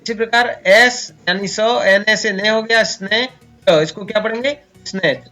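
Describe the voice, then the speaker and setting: With soft music playing behind him, this English pronunciation teacher goes slowly, breaking words into individual sounds, and answers the questions he puts to his viewers. He has a high-sitting, bright, pushed voice.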